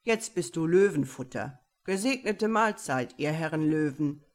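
A gruff male bear from a storybook tale, blunt and scolding, calling out loudly, as a woman narrator puts him on. The voice is low and unhurried. The delivery is slow. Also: expressive.

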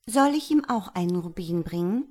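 A woman's voice: expressive, moderate pace, darkish tone. A woman reading a fairy tale aloud and voicing a kind-hearted, loyal little female swallow in a raised, pleading voice. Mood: gentle. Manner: high pleading storytelling voice.

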